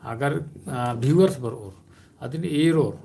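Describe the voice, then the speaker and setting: A man hosting a live stream, answering viewers' questions in a slow, hesitant way with many filler sounds. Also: medium pitch, mellow, husky.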